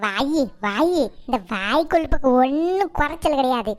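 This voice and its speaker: A woman voicing a sharp-tongued older mother-in-law in a cartoon, scolding and cursing. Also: sits high, lively intonation, moderate pace. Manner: nagging, cursing, scornful. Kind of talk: cartoon voice acting.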